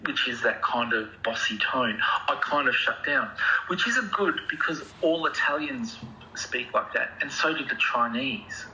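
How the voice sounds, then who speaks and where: A man playing an anxious, softly spoken therapy patient who talks hesitantly and meanders. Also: medium pitch, unhurried, a little hiss or hum, poor audio. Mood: earnest. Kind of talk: improvised comedy dialogue.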